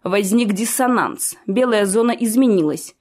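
A woman's voice: mid-range voice, normal speed, darkish tone, lightly acted. A woman voicing an elderly male ancient one, a stern, reproachful mentor who explains at length in an audiobook. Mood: lecturing.

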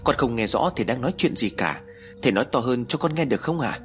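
A man's voice: medium pitch, lively intonation, quick pace, a little hiss or hum, natural voice. A man voicing an anxious young woman who stammers and pleads.

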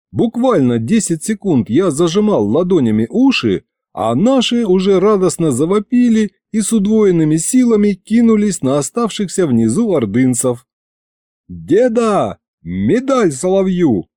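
A man narrating a first-person audiobook, fairly high for a man and very animated in his melody. His tone is warm and mellow, recorded close and dry. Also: moderate pace, no room sound. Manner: lively, expressive reading.

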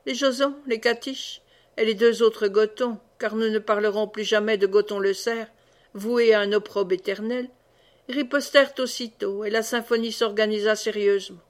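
A woman narrating a classic novel as an audiobook reader, in a measured, even storytelling manner. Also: mid-range voice. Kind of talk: scripted narration.

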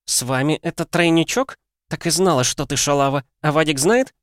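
A man voicing a hysterical, jealous young woman who shrieks accusations in a shrill voice, in an audiobook. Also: moderate pace, a bit bright, clean tone, no room sound, studio quality, close to an everyday voice. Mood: shrieking accusing. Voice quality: shrill, screaming.

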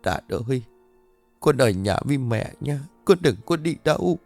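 A man's voice: mid-range voice, lively intonation, a little slow, vocal fry, no echo, soft background music, pitched above the performer's own voice. A man voicing a grief-stricken older mother in a spoken ghost story, pleading and drawn out. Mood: murmuring.

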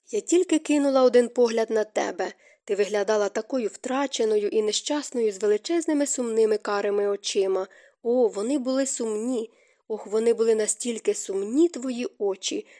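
A woman voicing a gentle, remorseful middle-aged stepmother who speaks softly and tearfully. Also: fairly high pitch, close to an everyday voice. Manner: soft, hushed, tearful delivery.

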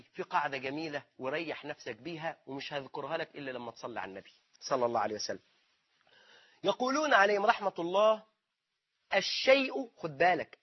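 A man's voice: on the high side, slightly rough, muffled recording. A man with an Egyptian accent giving a religious lesson, asking rhetorical questions and answering them himself. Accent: Egyptian Arabic. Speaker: Islamic scholar teaching.

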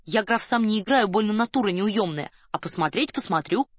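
A woman's voice: medium pitch, animated, brisk, no echo, studio quality, close to an everyday voice. A woman voicing a restless, swaggering male general, breezy and dismissive.

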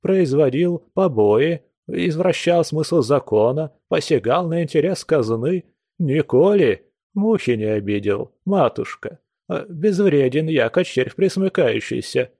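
A man's voice: a little high, expressive, measured pace, warm tone, dry recording, clean studio sound, pitched above the performer's own voice. A man voicing a maudlin drunken old house guest. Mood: drunken pleading. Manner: wailing, churchy pompous phrasing.

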